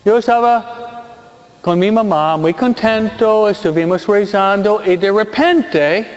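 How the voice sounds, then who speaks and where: Slow and deliberate, a high-voiced American preacher in his sixties from Michigan shares a personal anecdote within his sermon, repeating phrases for emphasis. The audio sounds dull, captured in a hall with long reverb.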